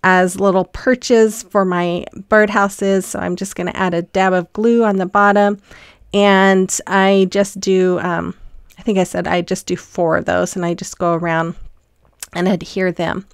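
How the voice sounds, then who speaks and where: A woman's voice: on the low side, level tone, measured pace, clear, resonant tone, dry recording, clean studio sound. A woman hosting a casual craft tutorial voice-over, chatty and rambling with frequent ums and restarts. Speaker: craft channel host.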